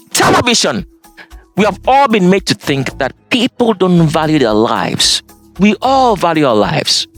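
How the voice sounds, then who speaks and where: Emphatic speaker with an African accent. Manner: emphatic, insistent, swings between loud and low. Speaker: channel host. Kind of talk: preaching monologue over slides.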